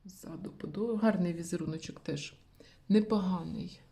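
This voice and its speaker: A woman hosting a knitting channel, reviewing a magazine in a soft, often whispered way, pausing with fillers. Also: lowish voice, gravelly.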